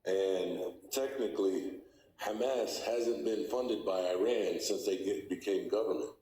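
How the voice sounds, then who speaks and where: Deep-voiced, dark-toned male caller. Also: measured pace. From West Bank. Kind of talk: casual call-in debate. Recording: echoey room with faint noise.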